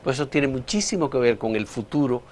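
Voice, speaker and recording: A man's voice: mid-range voice, animated, a little fast, a little mellow, slight background noise. A man with a Dominican Caribbean Spanish accent, hosting a conversational interview. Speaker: interview host.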